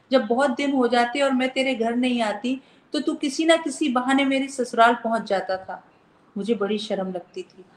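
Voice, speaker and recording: A woman's voice: a little high, natural voice. A woman voicing a young woman who is like an elder sister, stern yet loving, in a spoken story. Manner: scolding then tender, heartfelt. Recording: roomy echo.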